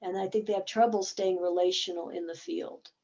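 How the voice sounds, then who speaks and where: A woman therapist hosting a webinar, explaining her methods slowly and casually. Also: fairly low pitch, fairly even intonation, a little mellow, muffled recording.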